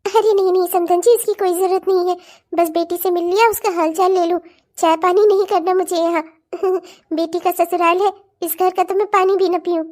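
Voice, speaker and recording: A woman's voice: very high-pitched, fairly even intonation. A woman voicing a fond, protective middle-aged mother who speaks tenderly to her daughter. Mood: polite. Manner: tender, warm-hearted, quick to defend.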